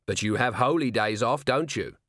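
A man's voice: medium pitch, moderate pace, fairly bright tone, dry recording, lightly acted. A man voicing a wry middle-aged male watch commander with a dry, understated way of talking.

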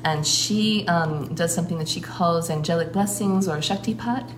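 Her pitch fairly low, a woman speaking as a guest shamanic priestess gives a casual spoken account, earnest and flowing. She often pauses with fillers while reaching for words. The audio has a roomy quality and clear background noise.

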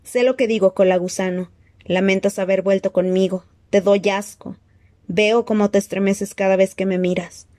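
A woman's voice: mid-range voice, fairly even intonation, no echo, clean studio sound, lightly acted. Lord Voldemort, cold and hissing, as a woman reads him. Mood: menacing. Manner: slow hissing soft threats. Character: cold menacing weak dark-lord man.

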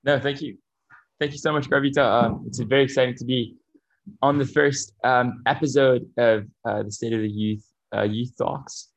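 A man's voice: medium pitch, steady tone, moderate pace, vocal fry, lo-fi sound. A man in his twenties, a podcast guest, talking enthusiastically with many fillers and restarts. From Bali, Indonesia. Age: 20s. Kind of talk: podcast interview.

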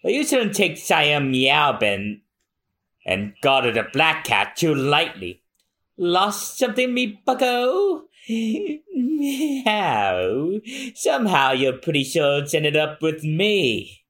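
A man's voice: on the high side, very animated, slow pace, fairly bright tone, full character voice. Man putting on a playful, taunting cat burglar.

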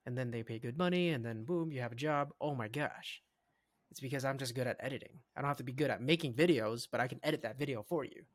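A young adult man co-hosting a casual podcast, talking in an animated, rambling way with frequent restarts. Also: medium pitch, fast talker. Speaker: podcast co-host. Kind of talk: casual chat.

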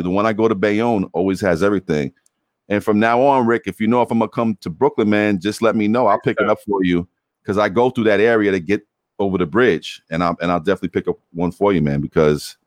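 Low-voiced laid-back man chatting. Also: brisk, dry recording, clean studio sound. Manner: laid-back, rambling, swears casually. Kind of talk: casual chat.

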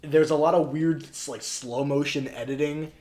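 A man co-hosting a podcast, chatting casually about films with lots of fillers and animated quoting. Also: on the high side, moderate pace. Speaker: podcast co-host. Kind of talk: casual film discussion.

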